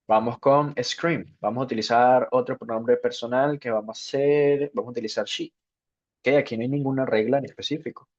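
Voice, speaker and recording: A man's voice: mid-range voice, steady tone. A man giving a spoken English grammar lesson, explaining step by step and checking in with "ok" after each point. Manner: slow, repeats "ok" to check understanding. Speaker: English teacher. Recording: dull lo-fi sound.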